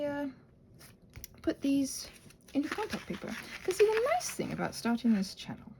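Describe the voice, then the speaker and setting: The host of a crafting ASMR channel rambles casually and quirkily through a craft video, drifting playfully between asides. Her voice is fairly high, creaky and a little mellow. The recording is rough, with slight background noise.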